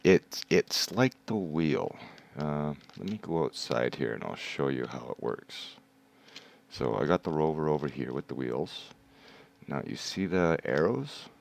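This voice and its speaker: A man's voice: extremely low pitch, expressive, measured pace, creaky. A man hosting a livestream, chatting casually and explaining game mechanics step by step. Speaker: livestream host. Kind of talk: casual gameplay commentary.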